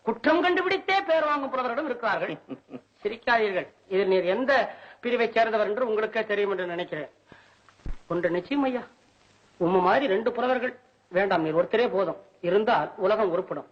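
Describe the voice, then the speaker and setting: A man's voice: high-pitched, animated, a little fast, fairly bright tone, highs cut off. A man playing a poor, panicky male poet in a comic scene reenactment, whining and wailing. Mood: indignant.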